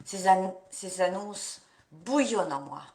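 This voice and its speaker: A woman practitioner leading a guided EFT tapping session, repeating slow affirmations and coaching listeners between phrases. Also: mid-range voice, lively intonation, a little mellow, reverberant.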